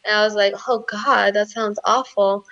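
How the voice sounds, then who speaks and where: A woman's voice: mid-range voice, normal speed. Woman from Costa Rica, distant dull audio. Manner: relaxed, matter-of-fact, light laughs. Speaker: guest, marketing consultant. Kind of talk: casual interview chat.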